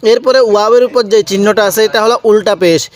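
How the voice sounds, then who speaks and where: A man teaching Quran reading, drawing out each syllable slowly, repeating sounds and asking the viewer to say them back. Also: sits high. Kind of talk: slow, patient recitation lesson.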